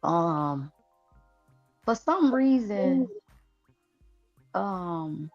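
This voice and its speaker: A woman, a bereaved mother, slowly recounting her daughter's last day on a live-stream interview. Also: medium pitch, expressive, dry recording, soft background music. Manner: halting, soft-spoken recounting. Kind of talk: emotional personal account. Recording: dull lo-fi stream audio.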